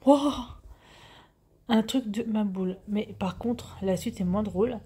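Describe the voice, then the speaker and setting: A woman's voice: medium pitch, fairly even intonation, normal speed, mellow, breathy edge. A woman in her fifties telling a story to her viewers in a chatty way, full of fillers and restarts, sometimes dropping to a whisper. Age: 50s. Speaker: vlogger.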